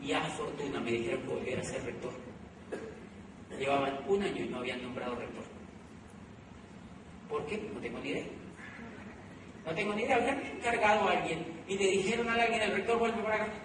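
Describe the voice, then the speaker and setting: A middle-aged Colombian man tells his story to an audience in an animated motivational talk, repeating phrases for effect. His voice sits high for a man. It is heard from far off in a large hall with a long, booming echo. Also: a little fast, pauses often, background noise. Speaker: motivational speaker. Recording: echoey hall recorded from far off.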